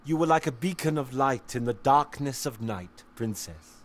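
A man's voice: mid-range voice, animated, moderate pace, natural voice. A man voicing an articulate, theatrical and courteous ogre in a video game, florid and precise. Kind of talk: video game character acting.

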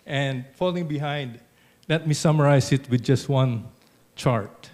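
An older man with a Filipino English accent giving an economics lecture in a measured way, often adding "okay" and a dry touch of sarcasm. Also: medium pitch, a little mellow. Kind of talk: academic lecture. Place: auditorium.

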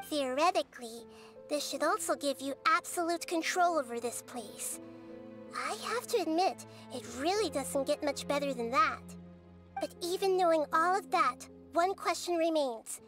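A woman voicing a small, wise, childlike goddess with a measured, knowing manner in an anime game. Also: very high voice, a bit bright. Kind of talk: anime video game voice acting.

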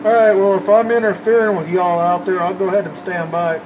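Over heavy vehicle and fan noise, a man talks fairly quickly in a high, fairly flat voice, tossing out folksy CB slang while he gives radio chat and commentary about his setup. The sound is lo-fi.

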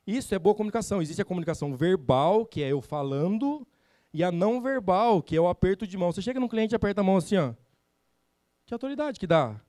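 A man with a Brazilian accent giving an animated motivational sales talk on stage, acting out customer dialogues in blunt, slangy speech. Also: sits high, fast talker, dry recording, clean studio sound. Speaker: sales trainer speaking at a summit. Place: event stage.

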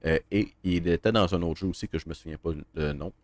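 A man's voice: deep voice, no echo. A man with a Québécois French accent, a horror game streamer giving a casual, thoughtful review with many hesitations. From Quebec. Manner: thoughtful, halting, many fillers.

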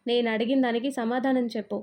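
A stern, fair-minded father-in-law asks pointed questions and sets things straight, voiced by a woman telling the story. Her delivery is firm, with a mellow tone and fairly high pitch. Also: flat delivery, fast, close to an everyday voice.

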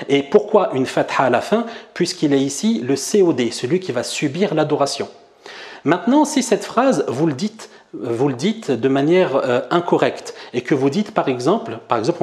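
A man at a mid pitch talks his viewers through a language lesson one step at a time. He writes examples out as he goes and keeps checking that everyone is following. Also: darkish tone. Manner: explains step by step, often asks "d'accord?". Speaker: Arabic teacher. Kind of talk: whiteboard lesson explaining grammar.

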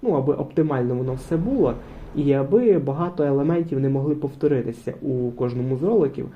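A man's voice: mid-range voice, lively intonation, quick pace, muffled recording, slight background noise. A man hosting a truck game playthrough, rambling in casual commentary with many fillers. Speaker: gaming channel host. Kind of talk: casual let's-play commentary.

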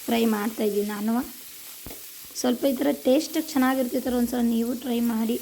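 A woman's voice: fairly high pitch, fairly even intonation, fast talker, mellow, slight background noise. A woman from Karnataka casually narrating a cooking vlog in her home kitchen, chatty and homely, repeating her phrases. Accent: Kannada, Karnataka. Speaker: vlogger.

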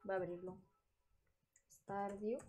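A woman from Spain chatting casually with her viewers on a live stream from a bedroom, bubbly and laughing often, with loud sudden exclamations. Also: medium pitch, level tone, slow, over loud music. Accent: Spain Spanish. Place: bedroom at her grandmother's home.

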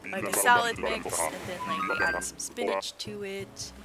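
A woman's voice: extremely low pitch, very animated, normal speed. A woman streaming a game, chatting casually and bubbly, full of "like" fillers and little giggles. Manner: giggles often between sentences. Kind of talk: casual gameplay chat. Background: loud background music.

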